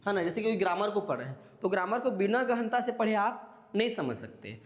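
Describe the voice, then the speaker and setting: A man's voice: high voice, big pitch swings, a little fast, long reverb tail. A man teaching an exam-prep class, explaining step by step and checking in with his listeners. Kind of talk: classroom lecture.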